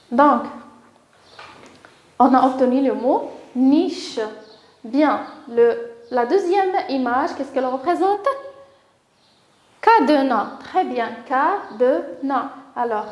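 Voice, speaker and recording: A woman with a Moroccan accent gives a lesson to young schoolchildren, her voice high and her pace unhurried. She praises often and breaks words into syllables one at a time. The recording has a noticeable room echo. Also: expressive, a little mellow. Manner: slow, clear, encouraging, sounds out syllables. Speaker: primary school teacher.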